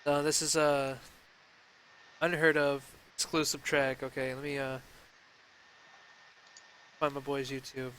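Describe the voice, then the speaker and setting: A man's voice: mid-range voice, monotone, slow pace, pauses often, fairly bright tone, a little hiss or hum, poor audio. A young man hosting a casual gaming talk stream, chatting loosely with lots of fillers and restarts. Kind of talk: casual live-stream chat.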